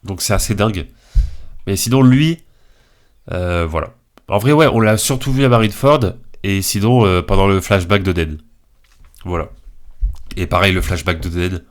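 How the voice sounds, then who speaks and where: A young video creator, congested from a head cold, gives casual, slangy tier list commentary in a hesitant, informal way. His voice is low, his pace moderate, and he pauses often.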